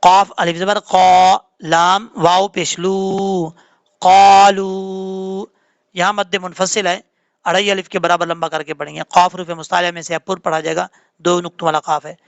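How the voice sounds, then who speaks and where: Male tajweed teacher. High, gravelly voice in a dry room. He alternates brisk explanation with slow chanted recitation. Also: little pitch movement, fairly bright tone, no echo. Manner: patient, drawn-out chanted recitation between quick explanations. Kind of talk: tajweed lesson, spelling out letters and reciting slowly.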